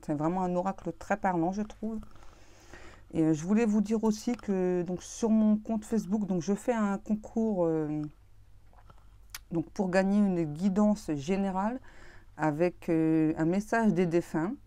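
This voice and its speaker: A woman doing a tarot reading to camera, talking casually and gently, with many fillers and restarts. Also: medium pitch, unhurried. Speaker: tarot reader.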